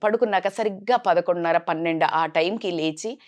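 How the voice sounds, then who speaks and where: Animated woman telling a family story. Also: fairly low pitch, fairly quick. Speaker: vlogger. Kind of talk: storytelling to camera.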